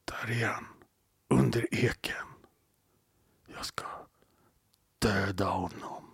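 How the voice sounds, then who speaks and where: A man voicing an old, hard-drinking male bear hunter in a low, slow, hushed way within a told story. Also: flat delivery, breathy edge, no room sound, clean studio sound. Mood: whispering.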